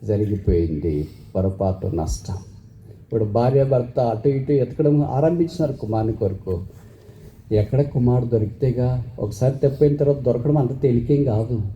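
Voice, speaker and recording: A male preacher telling a story as a sermon. He pauses for drama and puts rhetorical questions to the congregation. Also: medium pitch, highs cut off, a little hiss or hum. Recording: echoey room with faint ambience.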